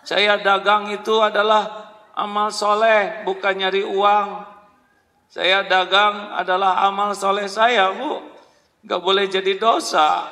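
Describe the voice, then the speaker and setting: A man's voice: high voice, sharp tone, voice pushed up, exaggerated voice. A man doing an honest mango seller. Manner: plain, patient and sincere. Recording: echoey hall, mic at a distance.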